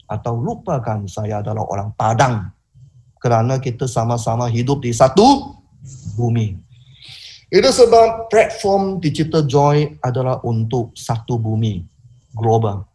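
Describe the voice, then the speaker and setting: A man from Indonesia giving a rousing sales pitch to an online audience, fiery and emphatic, with big swings in pitch and loudness and English phrases mixed in. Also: slight background noise. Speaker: business opportunity presenter. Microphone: video call.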